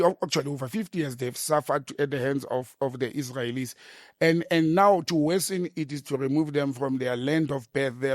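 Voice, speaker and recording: A South African man talking politics on a talk show, emphatic and animated, often repeating words as he starts a point. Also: on the high side, no echo, clean studio sound. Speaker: political commentator.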